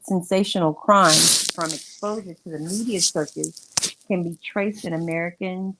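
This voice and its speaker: A woman's voice: lowish voice, steady tone, moderate pace, very noisy. A woman reading a legal text aloud on a video call, carefully restarting words she stumbles on. Her voice sounds muffled, as if heard through a wall.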